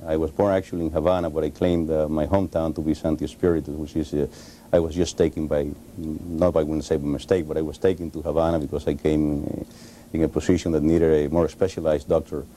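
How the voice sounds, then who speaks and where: A Cuban-accented man in his forties, a Spanish speaker, answering in a TV studio interview, halting with many pauses and restarts, on a lapel mic. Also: rumbling low, little pitch movement, mellow, slight background noise. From Cuba. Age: 40s. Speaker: interview guest, author.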